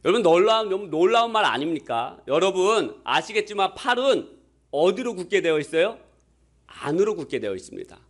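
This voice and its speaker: A man preaches as pastor in a high-pitched voice. He keeps asking the congregation rhetorical questions and leads them in reading scripture aloud. When he quotes people, he slips into a plain everyday voice. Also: sing-song, brisk. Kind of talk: sermon.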